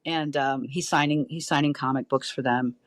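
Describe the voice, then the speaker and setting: Her voice is extremely low in pitch and moderately paced, captured with no room sound. This middle-aged woman, guesting on a podcast, spins a story in relaxed chat, animatedly imitating the people she quotes.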